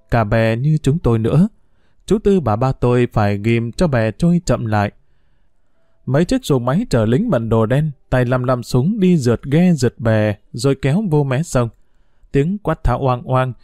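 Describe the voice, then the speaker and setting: A man narrating a story in a steady, measured reading voice. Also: medium pitch, no echo, clean studio sound.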